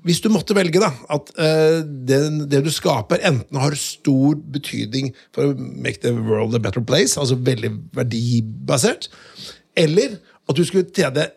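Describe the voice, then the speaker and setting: A man's voice: medium pitch, gravelly, darkish tone, breathy edge. A man hosting a podcast, talking casually and hesitantly with many restarts. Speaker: podcast host. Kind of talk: casual interview chat. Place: studio in a city.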